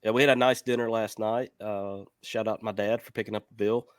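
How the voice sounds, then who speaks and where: A man's voice: lowish voice, fairly even intonation, a little fast, smooth, no room sound, clean studio sound. A man co-hosting a sports show, chatting casually in a plain-spoken, folksy manner. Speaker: sports podcast co-host. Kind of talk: casual chat.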